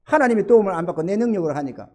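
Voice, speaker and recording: A man's voice: high voice, lively intonation, rapid-fire, mellow. A male pastor preaching a sermon, telling a story and acting out the prayers he quotes, and calling on the congregation for amens.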